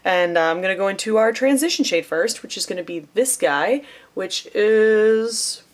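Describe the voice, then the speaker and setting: A young beauty vlogger talks through a makeup tutorial in a medium-pitched, animated voice at normal speed. She's chatty, playful and self-deprecating, sometimes dropping to a near whisper as she works.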